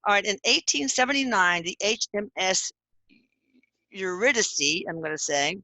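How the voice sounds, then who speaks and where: Speaking at a normal pace in a mid-range, bright and forceful voice, a middle-aged female host reads aloud from notes during a relaxed chat, cracking jokes in asides and spelling names out. The audio is poor and dry.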